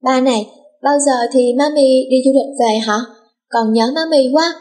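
A woman's voice: high voice, moderate pace, a little mellow, natural voice. A woman voicing a cheerful, spoiled young rich girl in an audiobook, bubbly and cutesy. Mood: worried. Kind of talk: audiobook character voice.

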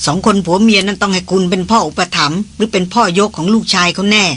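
A reader voicing an earnest titled lady on a jungle trek, who talks fast when anxious. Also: mid-range voice, a bit bright, husky. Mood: warm.

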